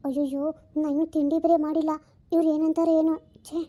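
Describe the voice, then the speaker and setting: A woman's voice: level tone, quick pace, mellow, natural voice. A woman playing a worried young mother who pleads and frets in a homemade family drama. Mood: weary. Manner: tearful, pleading, high and thin. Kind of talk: amateur audio family drama.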